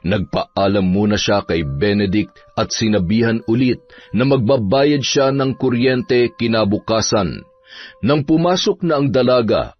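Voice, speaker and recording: A man narrating a dramatic family story in a steady scripted reading. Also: fairly low pitch. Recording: dull audio, soft music behind.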